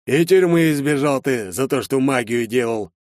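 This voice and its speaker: A man voicing a gruff older army major in an audiobook, commanding and scolding in a loud, barking way. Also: medium pitch, expressive, normal speed, dry recording, studio quality, voice pushed up, lightly acted. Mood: stern. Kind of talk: audiobook character voice.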